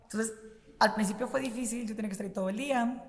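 Fast-talking woman, reverberant room. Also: a little high. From Colombia. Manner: talks very fast, animated. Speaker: radio host, guest. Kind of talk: casual interview chat.

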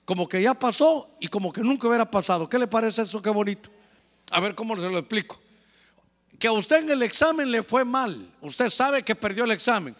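A man's voice: sits high, lively intonation, a little fast, fairly bright tone, in a large hall. A male pastor preaching a sermon, swinging between fervent exclamations and chatty asides to the congregation.

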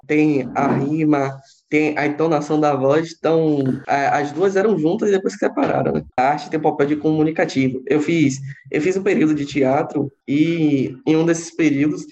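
A man with a slightly high voice explains things calmly in a relaxed discussion. His sound is dull and muffled, as if recorded on a lo-fi line. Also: slight background noise. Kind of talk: casual discussion.

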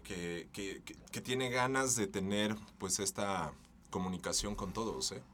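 A man's voice: lowish voice, a little slow, a bit bright, a little hiss or hum. A middle-aged man from Mexico City with a Mexican Spanish accent, explaining his ideas reflectively in casual chat.

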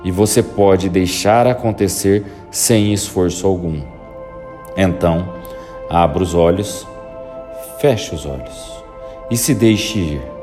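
A man guiding a listener through a hypnosis induction with slow, soothing, repetitive instructions. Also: deep voice, music in the background.

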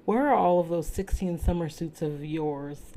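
A woman's voice: on the low side, moderate pace, dark tone, lightly acted. Woman voicing a boastful, mocking male adventurer. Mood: bold. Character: bold, teasing male adventurer.

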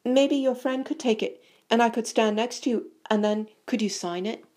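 An eager little schoolboy played by a woman reader chattering in a raised pitch. He gushes breathlessly like a starstruck fan in a storybook, tumbling along with excitement. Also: moderate pace, natural voice. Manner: excited, gushing.

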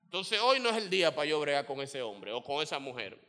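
A man preaching a sermon as pastor, animated, acting out the quoted voices of other people. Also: fairly high pitch, fast talker. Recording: reverberant hall.

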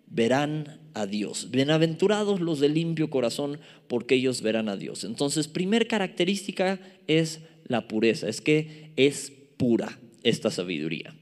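A man's voice: a little high, big pitch swings, normal speed, few pauses. Mexican man preaching in a reverberant hall. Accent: Mexican Spanish. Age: 30s. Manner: emphatic, repeats key words, playful asides to the congregation. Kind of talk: sermon.

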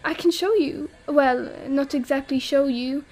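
In this acted audio-drama monologue, a young Frenchwoman, an exile being interviewed about a disaster, tells her story with wry self-mockery and laughs as she goes. Her voice is high, unhurried and somewhat dark in tone. The audio quality is poor.

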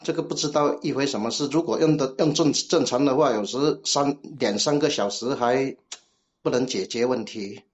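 A man in his forties speaks Mandarin with a Cantonese accent at a middling pitch. He is a caller chatting casually and feels his way through roundabout phrases. The sound is dull and lo-fi, like a call. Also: moderate pace. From Guangdong, China. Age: 40s. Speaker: call-in guest seeking advice. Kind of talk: casual chat.

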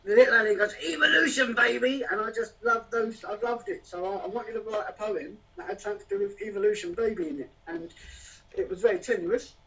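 A man with a high-pitched voice performs spoken-word poetry in a rhythmic, rhyming flow. Between pieces he chats hesitantly, full of ums. He sounds distant from the mic, on a dull, lo-fi recording. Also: fairly quick, a bit bright.

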